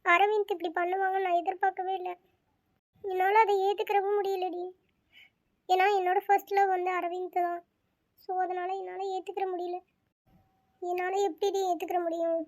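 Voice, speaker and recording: A heartbroken young woman in a cartoon story, voiced by a woman, tearful and despairing. Her voice sits very high. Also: little pitch movement, normal speed, long pauses. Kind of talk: cartoon voice acting.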